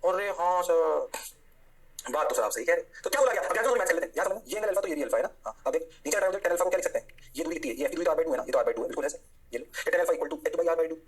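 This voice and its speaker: Fast-talking energetic physics teacher, a man. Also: fairly high pitch. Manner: energetic, coaxing, fires rhetorical questions. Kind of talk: classroom lecture.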